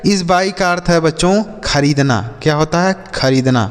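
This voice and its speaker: A man's voice: a little high, normal speed, clean tone. A man teaching children in Hindi-style lesson, spelling each word letter by letter and asking and answering his own questions. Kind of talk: English homophone lesson for children. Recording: long reverb.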